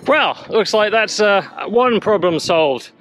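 A man narrating a sailing vlog as the boat's captain, easygoing and explanatory, with relaxed fillers. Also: sits high, slow pace. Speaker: boat captain.

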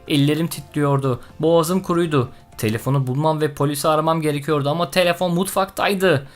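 Man narrating a tense story. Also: mid-range voice. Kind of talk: scripted first-person story narration.

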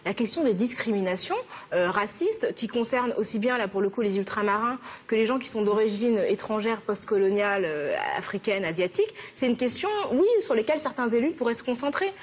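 Fast-talking woman with a husky voice. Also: fairly high pitch, expressive. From France. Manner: quick, earnest, thinks aloud with restarts. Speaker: interview guest. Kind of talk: TV interview conversation.

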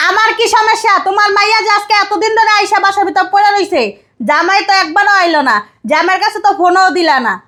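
A woman's voice: very high voice, fairly even intonation, fast talker, bright, forceful tone. A woman playing a nagging middle-aged wife and mother with a Bangladeshi Bengali accent, scolding and insulting.

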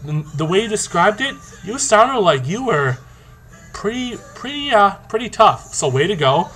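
Cocky young man with a bright, forceful voice. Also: high voice, normal speed, soft background music, low-quality recording. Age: young adult. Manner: cocky, playful, boastful, animated. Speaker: video diarist in a zombie tag game. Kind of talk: casual vlog talk to camera. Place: small indoor room. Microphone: webcam or laptop mic at arm's length. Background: rock song playing.

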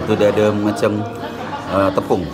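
A man's voice: on the low side, flat delivery, moderate pace. A man with a Malaysian Malay accent, vlogging a food review in a casual, teasing, joking way. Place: busy market food stall. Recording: loud music and crowd noise behind.

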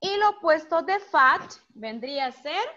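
High-voiced lady teacher on a video call, slow and patient, repeats every word, muffled audio. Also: expressive, sharp tone. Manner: slow, patient drilling with repetition. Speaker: primary school English teacher. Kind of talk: online class, repeating vocabulary.

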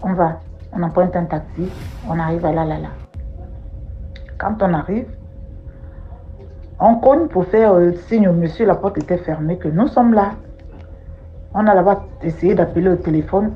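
Woman, telling a personal testimony, lowish voice over dull lo-fi sound with faint music. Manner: recounts plainly, rises high and urgent in distress. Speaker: testimony speaker. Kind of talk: personal testimony, spoken storytelling.

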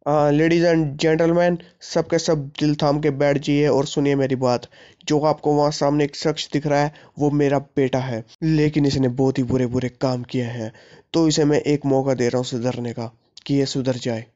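A man's voice: medium pitch, flat delivery, moderate pace, mellow, highs cut off. A man voicing an angry poor father who rants and threatens while narrating a game story. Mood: speechifying. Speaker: gaming channel host.

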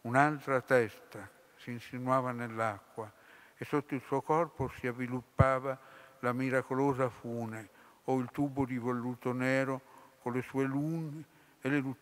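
A man lecturing on literature, reading a story aloud with measured, deliberate phrasing. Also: medium pitch. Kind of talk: slow dramatic reading aloud. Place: lecture hall. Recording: long hall reverb.

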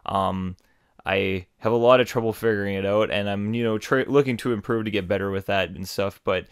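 A man's voice: fairly low pitch, steady tone, fairly quick, clear, resonant tone, no room sound, clean studio sound. A man talking casually to his viewers in a rambling, apologetic manner as a gaming host. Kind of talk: casual unscripted announcement to viewers. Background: music.

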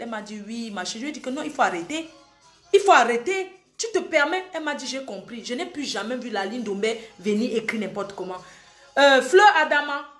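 A young woman with a high voice scolds her live-stream audience and hammers each warning home. She is recorded in an echoey room with faint music behind her. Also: a bit bright. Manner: scolding, emphatic, repeats warnings. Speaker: social media live host. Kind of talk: heated live-stream monologue.

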